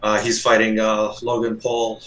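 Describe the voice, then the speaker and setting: A man in his fifties chatting on a podcast, speaking haltingly with many pauses and restarts. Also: on the low side, completely flat delivery, a bit bright. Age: 50s. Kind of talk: casual chat. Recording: roomy echo.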